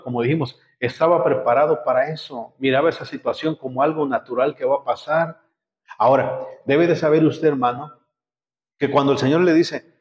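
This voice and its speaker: A man's voice: medium pitch, darkish tone. A man preaching a sermon as pastor, asking the congregation one rhetorical question after another. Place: church hall. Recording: dull lo-fi, echoey church hall.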